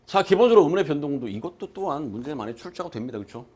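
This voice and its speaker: A man's voice: on the high side, big pitch swings, rapid-fire, darkish tone. A male exam-prep lecturer giving a recorded class. He talks emphatically, asks his students questions and answers them himself, and repeats key terms to drill them. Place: lecture room.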